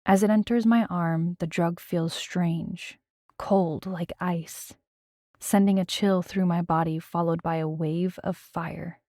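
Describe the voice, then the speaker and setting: A woman's voice: on the low side, steady tone, slow, warm tone, no room sound, clean studio sound. A woman narrating a first-person audiobook in a tense, dramatic storytelling manner.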